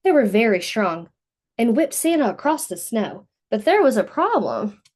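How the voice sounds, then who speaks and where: Reading a picture book to little kids at normal speed, a woman with a rather high voice brings the story to life expressively.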